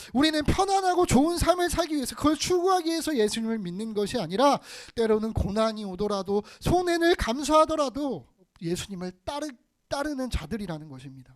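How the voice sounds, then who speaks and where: A woman giving a sermon to children over a video call, often asking her listeners questions. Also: high-pitched. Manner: asks the listeners many questions. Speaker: preacher to children.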